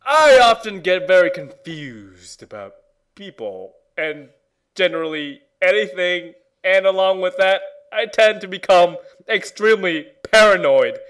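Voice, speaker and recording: In a clean, high-sitting voice, a man gives a mock-dramatic reading that is theatrical and overwrought, full of long pauses and swings between hushed and loud delivery.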